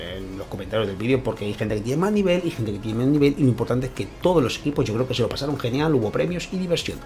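A man with a Spain Spanish accent, hosting his channel and commentating a tournament match, excitable and constantly checking in with his viewers. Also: medium pitch. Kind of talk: gameplay commentary.

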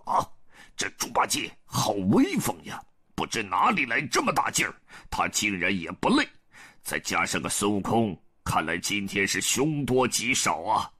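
Man putting on the Bull Demon King, gruff and grumbling. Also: lowish voice, big pitch swings, moderate pace, pushed and bright, pitched below the performer's own voice, heavily acted. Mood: uneasy resignation. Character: proud, menacing bull-demon king, male, gruff and weary.

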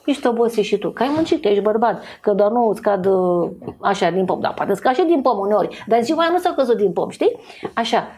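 A woman talking as a podcast guest in a casual, animated way, acting out what people say. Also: mid-range voice. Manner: animated, acts out quoted voices.

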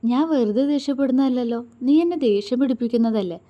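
A woman storyteller voices a playful young husband in a romantic audio story, giving him a sly, coaxing, insistent way of talking. His voice is warm and mellow, on the high side with lively intonation. It stays close and soft, a little slow, as he teases.

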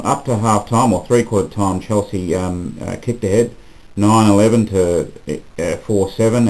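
A man prompting a co-host through a match review with brisk questions and scores. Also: deep voice, darkish tone, rough recording. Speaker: co-host interviewer. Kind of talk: casual post-match review.

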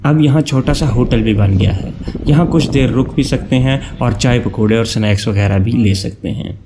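A man narrates a travel guide in a steady, informative voice-over, working through each stop in turn. His voice sits at an ordinary middle pitch. A faint hiss of noise runs under the recording. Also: normal speed. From Pakistan. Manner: steady, informative, listing places one by one.

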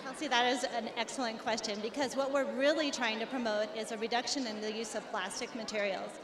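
A middle-aged woman representing a company gives a brisk, earnest explanation of her work in an expo interview, her slightly high voice holding a steady tone despite many restarts. The interviewer holds the handheld mic, and the indoor hall behind the backdrop is echoey and noisy with people.

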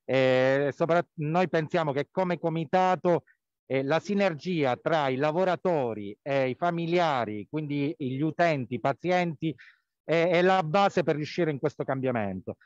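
A man speaking over a mobile phone from an outdoor square, reporting from a rally as a health care worker and activist, halting with many fillers. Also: fairly high pitch, no room sound. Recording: dull lo-fi phone line.

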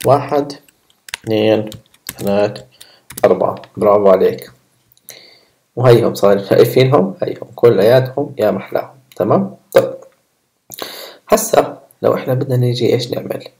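A man's voice: fairly low pitch, expressive, a little fast, long pauses, mellow. A man teaching a casual coding tutorial, chatting with viewers as he types at his computer. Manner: chatty, talks to viewers while typing code. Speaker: programming instructor. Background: keyboard typing.

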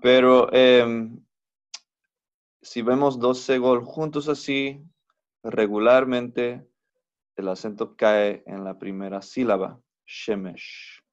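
A man teaching a recorded language lesson, slow and patient, repeating each word so it can be pronounced. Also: mid-range voice, steady tone, lo-fi sound. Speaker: biblical Hebrew teacher.

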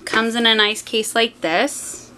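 A Canadian woman in her twenties chatting casually in an unboxing vlog, keeping her voice fairly quiet at night in a room at home. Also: fairly high pitch, fairly even intonation, takes it slowly. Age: 20s. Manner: keeping fairly quiet at night while someone sleeps nearby. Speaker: vlogger. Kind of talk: casual unboxing and review chat. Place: small home room, indoors. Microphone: camera mic a short distance away. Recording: home camera recording with faint background noise.

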